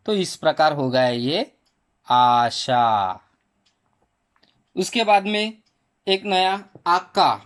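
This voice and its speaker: Slow, patient man sounding out letters. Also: a little high, a bit bright, clean tone. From India. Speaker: primary school Hindi teacher. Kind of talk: slow spelling lesson for children.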